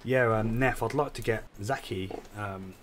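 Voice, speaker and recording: A man's voice: on the low side, unhurried, a bit bright, a little hiss or hum. A tired man, rambling and correcting himself as he explains a game he is playing live. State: tired, yawning. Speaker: game streamer. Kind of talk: casual live gameplay commentary.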